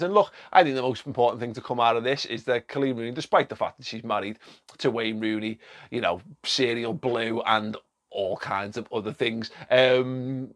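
A man gives loose, mocking commentary straight to his viewers. He swears freely and chuckles at his own jokes. He restarts his sentences often as he rambles on. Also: medium pitch. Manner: sarcastic, swearing, laughing asides. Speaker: online video host. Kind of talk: casual spoken commentary.

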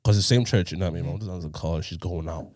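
A man's voice: sits low, very fast, a little mellow, no room sound, studio quality. A young man chatting casually and telling stories in slangy talk, often repeating phrases and calling people bro. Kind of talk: casual chat, animated storytelling.

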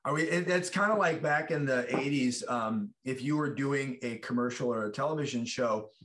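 A man's voice: mid-range voice, moderate pace, fairly bright tone. Rambling middle-aged man telling stories. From United States. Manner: rambling, storytelling with restarts and acted-out quotes. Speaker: actor, guest. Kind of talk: casual chat.

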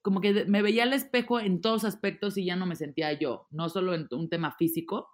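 A woman's voice: on the low side, fast talker. A woman, a guest talking casually and animatedly in an interview. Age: 30s. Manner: chatty, animated, trailing off and restarting. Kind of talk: casual conversation.

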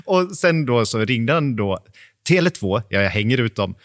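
A man's voice: medium pitch, very animated, no room sound, clean studio sound. A man hosting a podcast at home in casual chat, talking freely and laughing often mid-sentence. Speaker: podcast host.

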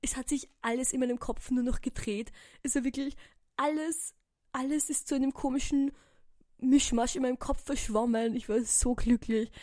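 Young woman, podcast host, casual storytelling, chatty, fairly high voice, dry close sound. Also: moderate pace, no room sound. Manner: chatty, animated, heavy use of fillers and English slang.

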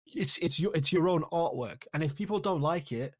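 A man in a casual podcast chat, thinking aloud with halting restarts. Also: a little high, expressive.

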